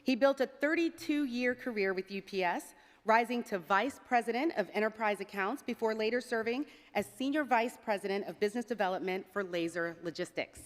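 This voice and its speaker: A higher-pitched female voice rings through a large, reverberant hall. She speaks as a ceremony host at a podium, with formal, scripted announcer delivery. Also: fairly quick. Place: large event hall on stage.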